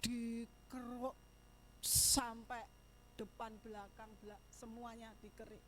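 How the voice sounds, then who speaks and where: A woman's voice: a little high, flat delivery, slow, background noise. An older woman giving a sermon testimony, moving from fervent preaching into chatty storytelling. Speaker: church minister.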